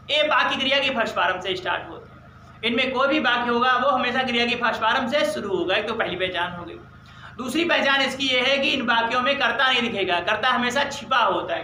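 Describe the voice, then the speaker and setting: Bright-voiced man teaching grammar. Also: extremely high pitch, roomy sound, a little hiss or hum, poor audio. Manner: explains step by step, repeats examples, asks if understood. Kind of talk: spoken grammar lesson.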